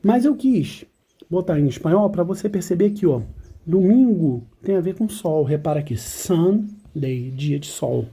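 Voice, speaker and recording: Guy teaching a lesson, really dark mellow voice, kinda husky, chatty and keeps going "right?". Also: a little high, animated, a little slow. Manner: chatty and informal, with frequent tag questions; self-deprecating asides. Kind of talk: explaining song lyrics in a language lesson.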